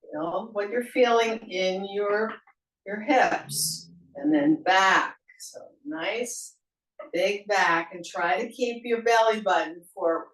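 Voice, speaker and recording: Slow, gentle woman leading a yoga class. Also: mid-range voice. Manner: slow, gentle cueing with playful laughter exercises. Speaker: senior yoga instructor. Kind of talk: guided exercise class instruction. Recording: echoey room, mic at a distance.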